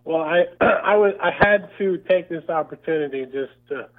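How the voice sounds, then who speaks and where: A man calling in to a talk radio show over the phone, speaking in an earnest, rambling way with many pauses. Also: on the high side, a loud crowd. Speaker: caller. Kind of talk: call-in radio chat. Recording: tinny phone line.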